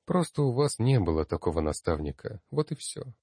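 A man voicing a calm older male fire mage who speaks in a measured, lecturing way. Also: lowish voice, husky, no room sound, clean studio sound, pitched above the performer's own voice, heavily acted.

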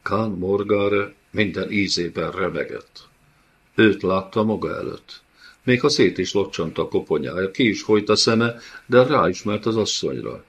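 Husky-voiced man narrating a dark fantasy audiobook. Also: lowish voice, lively intonation. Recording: dull lo-fi audiobook recording.

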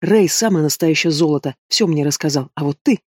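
Dude voicing a snappy young queen, sharp tongue, growly, higher pitched, dry sound. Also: brisk, dry recording, lightly acted. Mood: snapping.

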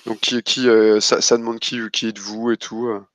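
Low-voiced man narrating a tabletop game. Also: flat delivery, fairly bright tone, dry recording. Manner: halting, repeats words, casual. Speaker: game master.

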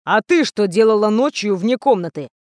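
A woman's voice: mid-range voice, lively intonation, moderate pace, no room sound, studio quality, lightly acted. A woman voicing a weary, stern middle-aged male teacher who speaks curtly and with authority. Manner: curt, grim, authoritative.

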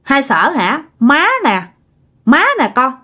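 A woman's voice: high-pitched, lively intonation, slow pace, pushed and bright, full character voice. A woman voicing a stern ghost mother from the South. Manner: blunt, scolding, repeats herself. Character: dead old mother speaking through a medium, stern, all-knowing.

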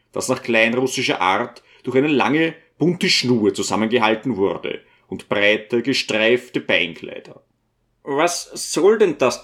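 A man narrates a novel for an audiobook at a slow, unhurried pace. His voice sits in a middle pitch, and his reading is calm and measured. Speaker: audiobook reader.

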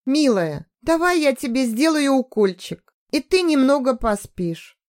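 Audiobook figure, woman doing a middle-aged woman doctor, gentle, soothing, coaxing. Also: fairly high pitch, animated, a little slow.

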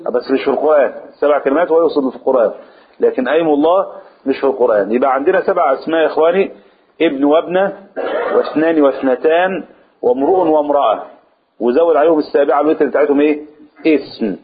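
A man's voice: a little high, husky, phone-quality sound. Egyptian man teaching Quran commentary. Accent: Egyptian Arabic. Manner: explanatory, slow drawn-out recitation then fast asides. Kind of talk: religious lesson in Egyptian Arabic.

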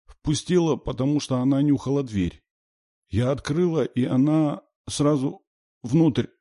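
A male reader voicing a frightened little girl who squeaks and sniffles. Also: a little slow, mellow, dry recording, studio quality, lightly acted.

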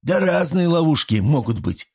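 A man's voice: a little high, lively intonation, darkish tone, husky, voice pushed up. A man voicing a cheeky, pushy little male gremlin who scolds and argues in an audiobook. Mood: badgering. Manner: bossy, scolding, quick to argue. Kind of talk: audiobook character voice.

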